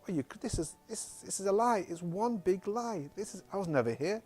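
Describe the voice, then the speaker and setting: A man voicing his elderly mother in agitated, shrill outbursts. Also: lively intonation, a little fast, darkish tone, soft background music. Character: elderly woman, frantic and insistent.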